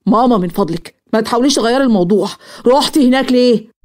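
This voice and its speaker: A woman's voice: on the high side, rapid-fire, a little mellow, lightly acted. A woman voicing a young man, an exasperated grown son, with an Egyptian accent. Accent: Egyptian Arabic.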